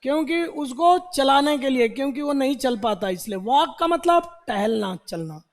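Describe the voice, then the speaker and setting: High-voiced man teaching in a reverberant hall. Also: animated, normal speed. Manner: quizzes students with repeated questions. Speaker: English teacher. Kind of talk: classroom vocabulary lecture.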